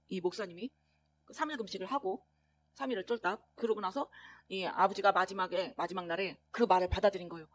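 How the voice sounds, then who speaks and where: Mid-pitched and earnest, a woman preacher tells a story during her sermon with lots of animation, voicing each of its characters herself.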